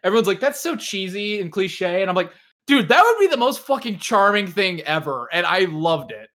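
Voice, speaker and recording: This man hosts a casual podcast, full of teasing, profanity and slang like "dude." His voice is high and fairly bright, very animated, at normal speed.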